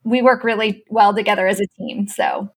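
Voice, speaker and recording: A woman guest in a podcast interview tells a long personal story at an easy, steady pace. Her pitch sits in the middle of the range, and she lifts it sharply, sometimes very high, when she acts out her own excited words. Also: normal speed, breathy edge. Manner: animated, gets high and excited when quoting herself. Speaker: chief operating officer.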